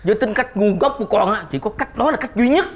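Một nữ diễn viên đóng vai bà nội khó tính, hay quát mắng trong tiểu phẩm hài. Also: female voice, medium pitch, fast, muffled recording, crowd noise, close to an everyday voice. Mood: scolding. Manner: bossy, scolding, swings up into shrieks. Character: bossy scolding grandmother. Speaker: grandmother in a comedy sketch. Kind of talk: comedy sketch acting.

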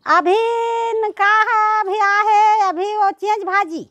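A woman's voice: very high voice, fairly even intonation, slow pace, sharp tone, no echo, dull audio. A woman with a Chhattisgarhi accent chatting casually and affectionately to her followers, often repeating herself. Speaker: vlogger.

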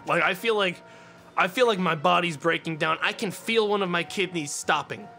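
A man in his twenties talks casually to his stream chat from a small dim room. He rants with mock indignation and swears freely. His voice sits high and bright, with faint music underneath. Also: normal speed, vocal fry. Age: 20s.

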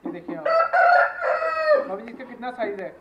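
A man's voice: sits high, very animated, moderate pace, a crowd in the background. A man hosting a farm vlog, interviewing a breeder in a casual, eager way and repeating polite agreement often. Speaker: vlogger host interviewing a breeder. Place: outdoor poultry farm. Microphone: phone camera. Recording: muffled phone audio with roosters and people nearby.

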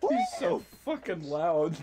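A man's voice: a little high, huge pitch swings, slow pace, music in the background. A man teasing a friend bluntly during an online game, swearing freely. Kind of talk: casual chat while gaming.

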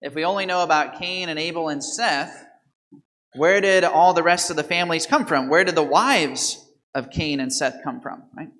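A man in his thirties, a priest, reads the gospel in a large church and follows with a homily in which he quizzes the congregation and its children. His voice leans high and a bit bright, at a moderate pace. He's recorded through the altar microphone, filmed from far off.

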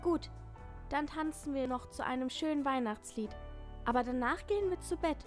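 Woman as little girl puppet, high-pitched, sweet, trusting, children's theatre dialogue. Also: normal speed, soft background music, natural voice. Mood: earnest.

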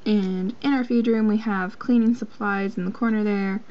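A teenage girl, a model horse collector, gives a rambling tour of her tabletop toy horse barn indoors, filling it with ums and joking that she's lazy. Her voice is medium-pitched, fairly even and moderately paced. It's captured on a handheld camera mic, so the audio is dull and lo-fi with a faint hiss.

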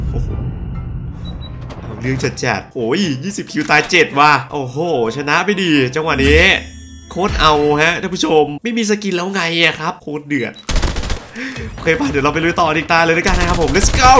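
A young man talks his way through a shooter match, chatty and quick to burst out in excited exclamations. His voice sits a little high. Game music and gunfire play clearly behind him. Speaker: gaming YouTuber. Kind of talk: live gameplay commentary.

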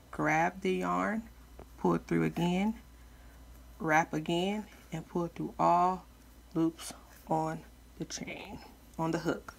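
A woman's voice: fairly low pitch, creaky. A woman giving casual step-by-step craft instruction as a tutorial host, informal, with slightly lisped speech from wearing retainers.

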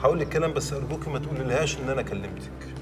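An actor playing a young new husband, pleading and exasperated, with an Egyptian accent. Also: male voice, medium pitch, expressive, racing, music in the background, close to an everyday voice. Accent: Egyptian Arabic. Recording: film score under dialogue.

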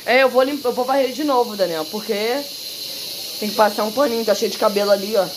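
Speaking a little high and quickly, this young Brazilian-accented woman talks casually to her audience while narrating a cooking vlog from home. The setting is a small indoor kitchen with tiles, and the audio carries noise and hiss.

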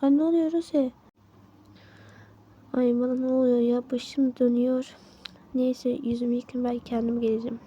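A woman's voice: on the high side, level tone, normal speed, pauses often, dark tone, lo-fi sound, slight background noise, natural voice. A woman voicing a young wife who feels sick and learns she is pregnant, in a toy-game story role-play. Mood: queasy, dazed. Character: young wife, queasy, then overjoyed at pregnancy.

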